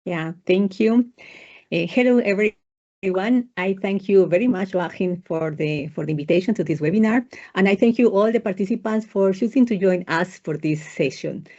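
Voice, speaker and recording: A woman with a Colombian Spanish accent presents research in a webinar, measured and hesitant, with frequent fillers. Her voice is mellow and warm. It comes over a slightly dull video call line. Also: medium pitch.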